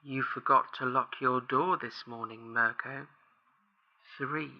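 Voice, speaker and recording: A man voicing an eerie caller of unclear sex who counts down in a calm, precise, emotionless monotone. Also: mid-range voice, slow, dull audio.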